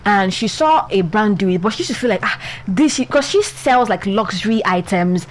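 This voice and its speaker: A young Nigerian-accented woman co-hosts a podcast, telling a story in a chatty way with frequent restarts. Her medium-pitched voice is animated and brisk, and the conversation is casual advice talk.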